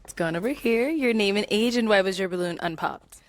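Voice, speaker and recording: A woman hosting a dating show who prompts each contestant in a brisk, friendly way. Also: mid-range voice, no echo.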